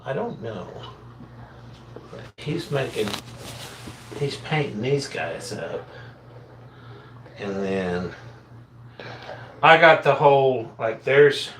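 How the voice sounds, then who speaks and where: A man's voice: medium pitch, big pitch swings, very slow, pauses often, background noise. A man co-hosting a casual live stream, reading out chat comments and reacting with frequent laughs.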